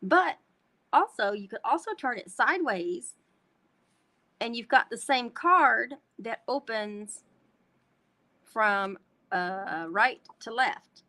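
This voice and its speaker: In a voice on the high side with a sharp tone, a North Texas woman hosts a live card-making tutorial, talking slowly and expressively with long pauses. She chats with her viewers as y'all in a Texan Southern twang.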